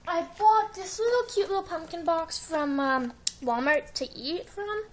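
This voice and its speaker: In a rough webcam recording from her living room, a teenage girl with an extremely high-pitched voice shows off her shopping haul at an unhurried pace. The vlogger is chatty and giggly, rambling along with lots of "likes."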